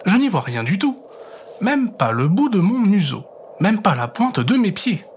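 A man voicing a little bear cub who is sweet and afraid of the dark, in a soft, childlike storybook voice. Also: high-pitched, very animated, a little slow, slight background noise, voice pushed up. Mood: worried, gentle. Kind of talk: storybook read-aloud.

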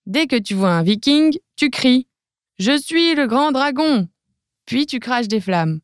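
Storybook dragon king, bossy and roaring, read by a woman; slow and stern. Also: a little high, expressive, no room sound, clean studio sound. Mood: instructive. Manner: roaring, scolding.

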